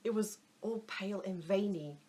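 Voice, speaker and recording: An anxious young man from a spoken story, read by a woman in her own voice. He sounds uneasy and earnest, at a medium pitch. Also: moderate pace, warm tone, a little hiss or hum, close to an everyday voice. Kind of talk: audiobook narration.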